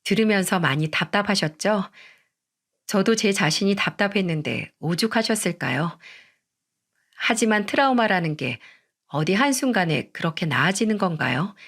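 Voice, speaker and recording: Calm woman narrating a story. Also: mid-range voice, moderate pace. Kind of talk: scripted narration of a listener's story.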